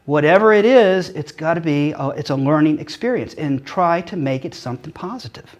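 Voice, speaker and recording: Guest author guy, kinda high voice, motivational, repeats himself. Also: expressive, fairly quick. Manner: motivational, speaks in repeated phrases. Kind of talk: casual chat.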